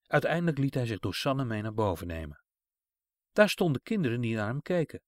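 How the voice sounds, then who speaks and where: A man narrating a children's story in a calm, measured way. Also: medium pitch, no echo, clean studio sound.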